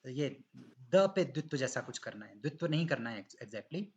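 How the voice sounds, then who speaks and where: A man teaching Sanskrit pronunciation in an online class, patiently correcting students and demonstrating recitation slowly. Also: medium pitch, animated, background noise.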